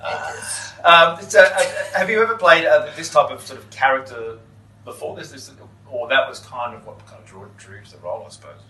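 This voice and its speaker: Male host, bright forceful tone, hesitant with lots of ums, echoey room. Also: mid-range voice, fairly quick, distant mic, slight background noise. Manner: hesitant, many ums and restarts, dry humour. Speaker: interview host. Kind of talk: casual interview chat. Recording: roomy, echoey sound from off-mic.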